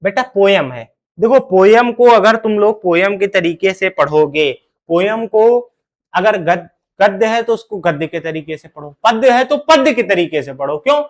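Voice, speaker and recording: A man teaching a poetry lesson to students, calling them "beta", asking questions and answering them himself, and chanting the verses slowly. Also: high voice, expressive. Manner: addresses students as "beta", asks and answers his own questions. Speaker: Hindi teacher. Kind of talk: classroom lesson explaining poetry.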